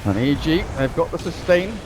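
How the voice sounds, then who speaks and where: A man giving animated live play-by-play commentary on a video game match as an esports caster. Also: a little high, a little fast, noisy background. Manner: animated play-by-play, rising with the action.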